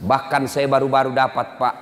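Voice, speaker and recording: A man's voice: medium pitch, flat delivery, a little fast, a bit bright, slight background noise. A male Islamic preacher who gives a humorous sermon and acts out the voices in his stories. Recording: echoey hall with long reverb.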